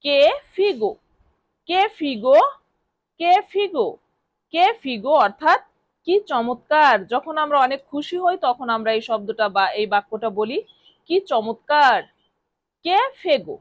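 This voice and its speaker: A woman teaching a language lesson, repeating short phrases slowly and clearly for her students to practice. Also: high voice, expressive, no echo.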